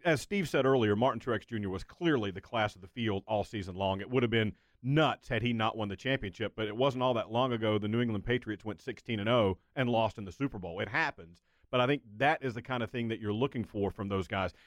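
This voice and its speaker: A man's voice: lowish voice, a little fast, hardly any pauses, no room sound, studio quality. A man chatting casually as a panelist in a sports discussion. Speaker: radio panelist.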